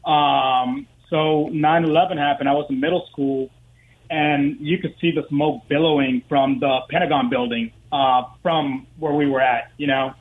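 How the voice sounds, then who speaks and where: A man's voice: a little high, fairly even intonation, a little slow. A man in his thirties from the Dominican Republic, a guest on a radio show calling in, talking with many fillers and restarts. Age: 30s. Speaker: guest, parade co-founder. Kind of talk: phone interview. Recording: tinny phone line.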